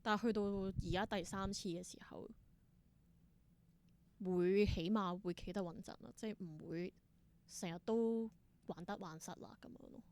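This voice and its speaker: Her medium-pitched voice is steady and darkish, at normal speed with long pauses. A theatre performer and creator with a Hong Kong Cantonese accent, the young adult woman chats reflectively in a casual interview, slipping in English words.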